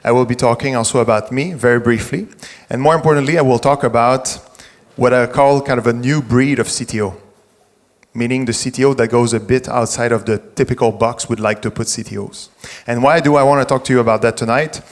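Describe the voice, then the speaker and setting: A middle-aged French Canadian tech executive gives a conference talk to a live audience, speaking conversationally with frequent restarts and self-corrections. His mid-pitched voice is steady in tone and brisk. The long reverb of a large hall surrounds the sound.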